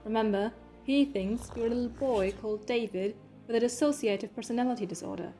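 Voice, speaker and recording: A woman's voice: fairly high pitch, brisk, dark tone, soft background music, close to an everyday voice. The Doctor, a wry, teasing heroine played by a woman. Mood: playful, coaxing. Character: the Doctor, playful, clever, coaxing alien traveller heroine. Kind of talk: fan audio drama acting.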